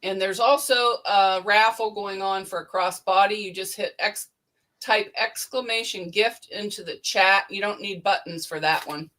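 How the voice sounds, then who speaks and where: A woman with a bright, clear voice hosts a casual livestream from her sewing room. She reads viewer names and bids from the chat in a quick, businesslike run. Her pitch sits in an ordinary middle range. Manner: brisk, reads chat names and bid amounts in quick succession. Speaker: livestream host.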